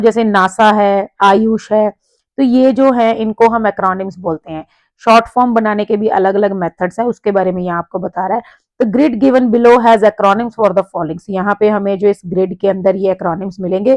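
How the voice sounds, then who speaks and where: A woman teacher works through exam answers in a patient walkthrough. She reads the sentences slowly, then explains in Hindi, checking in often. Her voice sits at a medium pitch and is recorded close and dry. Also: a little mellow, no room sound, low-quality recording. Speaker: English teacher. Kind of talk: exam-prep lesson walkthrough.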